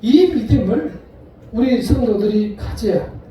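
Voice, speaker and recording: A man preaching a sermon as a pastor, earnest and deliberate, leaning on repeated emphasis. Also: high-pitched, animated, warm tone, slight background noise. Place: church sanctuary. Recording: echoey room, voice picked up from a distance.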